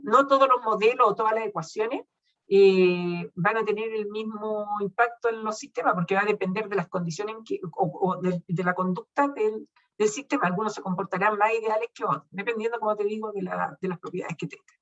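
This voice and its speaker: A woman's voice: mid-range voice, steady tone, fairly quick, a bit bright. A woman lecturing her class, reassuring and checking often that students follow. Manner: reassuring, checks understanding with frequent "¿ya?". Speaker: university teacher. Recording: dull lo-fi sound from a distant mic.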